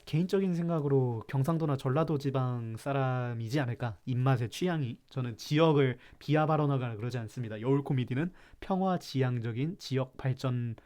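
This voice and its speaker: Man, from Chungcheong, live stream host, playful mock-serious rant, reads chat, mid-pitched voice. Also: a little fast, few pauses, darkish tone. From Chungcheong, South Korea.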